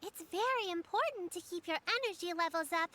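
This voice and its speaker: A woman's voice: very high-pitched, expressive, a little fast, crowd noise. A woman voicing a polite, caring little girl in a video game, who speaks in a formal, motherly way. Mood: hospitable. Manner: formal, motherly, well-mannered.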